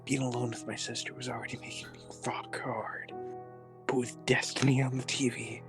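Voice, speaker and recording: A man reading a joke post aloud in a deadpan, mock-dramatic way with long pauses. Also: mid-range voice, in a whisper, music in the background.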